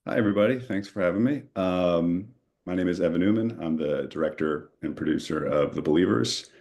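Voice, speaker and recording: Director at a Q&A, man, very low voice, thoughtful and searching. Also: brisk, darkish tone. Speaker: film director and producer. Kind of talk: Q&A panel answer.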